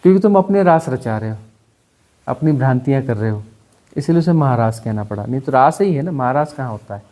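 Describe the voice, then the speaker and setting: A man's voice: medium pitch, expressive, fairly quick, warm tone. A man acting as a spiritual teacher, giving a discourse full of rhetorical questions and mocking impressions of moralizers.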